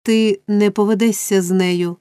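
A woman voicing a frantic, scheming old male fence in an audiobook reading, shrill and insistent. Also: fairly even intonation, unhurried, mellow, smooth, no room sound, clean studio sound, close to an everyday voice. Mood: urgent.

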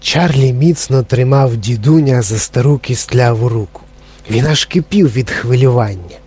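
A man narrating a children's story in a calm, even reading. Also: mid-range voice, moderate pace, husky.

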